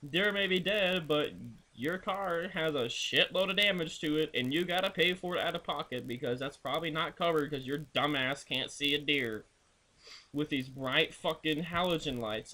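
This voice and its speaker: A young man vents in a video blog, cursing nonstop and sounding exasperated as he goes. His voice sits a little high for a man and has a bright, sharp edge. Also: moderate pace. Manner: crude, exasperated, swears constantly. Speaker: vlogger. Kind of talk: profane ranting vlog.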